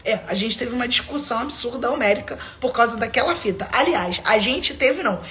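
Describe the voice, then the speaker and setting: A high-pitched woman hosts a live stream from home. She delivers a personal faith testimony as an emphatic storyteller and keeps turning to address her viewers directly. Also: expressive, brisk, bright, forceful tone.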